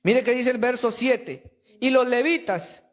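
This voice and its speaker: High-voiced man preaching emphatically. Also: unhurried. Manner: emphatic preaching, addresses listeners as brother. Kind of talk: sermon. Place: church.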